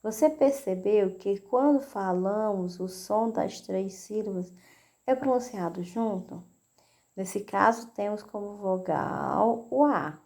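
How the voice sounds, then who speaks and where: Slow, patient Brazilian schoolteacher woman. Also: mid-range voice, mellow. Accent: Brazilian Portuguese. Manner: patient, repeats "né?" and "tá?" to check understanding. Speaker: teacher. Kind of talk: recorded video lesson for children.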